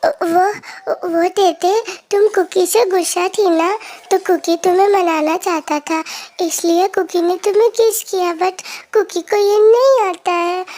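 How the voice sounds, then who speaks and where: A woman's voice: extremely high pitch, a little mellow. A young woman voicing a childlike, clingy young man who talks about himself in the third person. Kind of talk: fan-fiction story voice acting.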